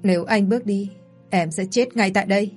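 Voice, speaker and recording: A woman's voice: medium pitch, brisk, breathy edge, soft background music, lightly acted. Woman doing a desperate young bride. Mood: defiant. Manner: pleading, tearful.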